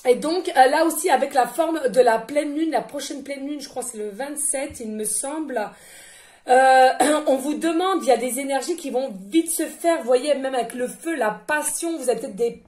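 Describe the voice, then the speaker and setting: A woman's voice: sits high, normal speed, darkish tone, reverberant. A woman medium giving a casual, rambling oracle card reading, chatting and laughing with her listeners as friends.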